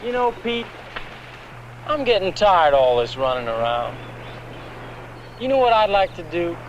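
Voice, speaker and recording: High-voiced lovesick American sap. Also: male voice, very animated, measured pace, a little hiss or hum. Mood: dreamy. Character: lovesick, naive, easygoing young American man. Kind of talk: comedic film acting. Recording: dull old film soundtrack, music behind.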